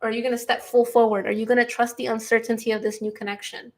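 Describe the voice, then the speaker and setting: A young woman giving a tarot reading, giddy and excitable, laughing at times and repeating key lines for emphasis. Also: on the high side, fast. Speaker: tarot reader. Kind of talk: collective tarot reading to camera.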